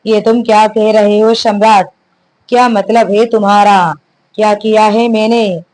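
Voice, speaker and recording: A startled older father stammers out confused questions, as the storyteller plays him. The slow, plain delivery belongs to an audio storybook. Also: mid-range voice, flat delivery, darkish tone, no room sound, natural voice, rough recording. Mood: bewildered. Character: bewildered older father, wealthy and proud.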